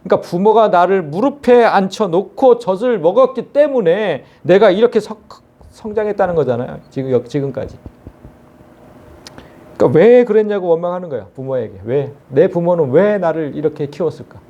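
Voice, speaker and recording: Male pastor, sermon delivery, lively pitch swings, somewhat high voice, dull lo-fi sound. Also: moderate pace. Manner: earnest, animated preaching with rhetorical questions to the congregation.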